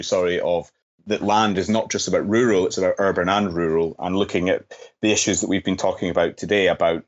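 Interview guest: Scottish man, deep register, earnest explainer with halting phrasing, slightly muffled sound. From Scotland. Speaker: interview guest, economics researcher. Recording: dull, muffled lo-fi audio.

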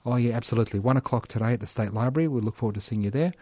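A man's voice: medium pitch, very fast, dark tone, no echo. A male radio show host talking earnestly in an interview, with some restarts.

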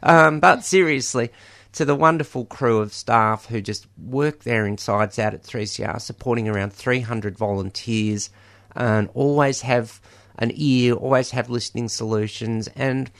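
A man hosting a fundraising hour on community radio. His voice has a gravelly, creaky texture. He rambles warmly through thank-yous, piling on ums and little jokes. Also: mid-range voice, steady tone, normal speed. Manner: rambling, many ums, jokey asides. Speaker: radio show presenter. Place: radio studio. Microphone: studio microphone.

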